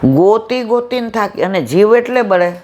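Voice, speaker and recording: A satsang speaker, telling devotional stories and repeating phrases that trail off low and soft. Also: expressive, normal speed. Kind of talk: devotional storytelling talk.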